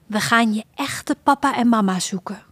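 A woman voicing a small, eager boy in a children's audio story, talking gently and hopefully. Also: a little high, normal speed, slightly rough, no room sound. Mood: earnest. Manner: gentle, hopeful, whispers softly at times.

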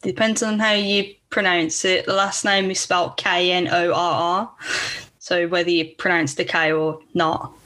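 A woman's voice: lowish voice, flat delivery, moderate pace, bright, forceful tone. A woman hosting a true-crime podcast, telling the case in a casual, blunt way and swearing freely. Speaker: podcast host.

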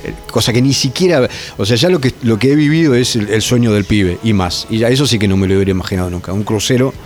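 A man's voice: on the low side, fast, darkish tone, faint music behind. A man with a Rioplatense Spanish accent, a touring metal musician chatting as an interview guest, rambling through stories with restarts and tag questions. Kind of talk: casual interview chat.

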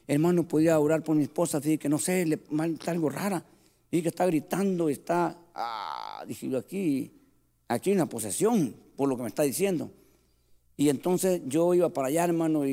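A man preaching a sermon with passion, shouting at the peaks and dropping to quiet storytelling, often calling the listeners "brother". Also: fairly high pitch, long reverb tail. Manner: addresses listeners as "hermano" often. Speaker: pastor.

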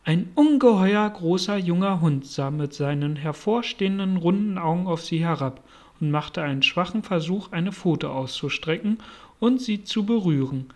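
A man narrating a storybook as an audiobook reader, in an even, measured way. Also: high voice.

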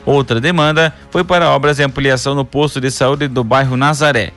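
A man reads scripted local news as a presenter, in a formal announcer's delivery with measured phrasing. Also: medium pitch, steady tone, fairly bright tone, soft background music.

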